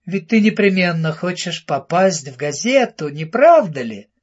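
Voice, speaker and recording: A man's voice: high-pitched, lively intonation, a little slow, muffled recording. A man voicing a cold, condescending female manager who speaks with mock sweetness, in an audiobook. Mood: mock-sweet.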